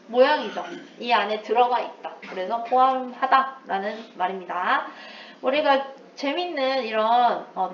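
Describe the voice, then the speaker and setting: A woman teacher with a slightly high voice explains her lesson in a lively way, tossing in playful asides and English terms. She sounds set back from the microphone in an echoey room. The recording is dull and lo-fi, with faint noise underneath. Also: recorded from a distance. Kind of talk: recorded lecture.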